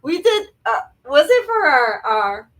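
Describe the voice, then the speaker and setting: A woman co-hosting a casual chat in a lively, animated way. Her voice sits fairly high and swings widely in pitch. She teases her co-host and laughs a lot. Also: measured pace, rough recording. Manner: animated, laughs often, teasing.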